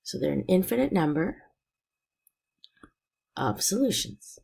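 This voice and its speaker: Though illness has left her low voice raspy and gravelly, this woman teacher is very animated as she guides students through math one patient step at a time. She speaks a little slowly with a warm tone, and her pitch moves up and down a great deal while she explains.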